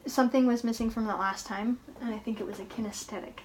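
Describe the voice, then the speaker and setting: A woman's voice: fairly high pitch, steady tone, fast, background noise. A woman voice teacher coaching a singing lesson in a patient, encouraging way.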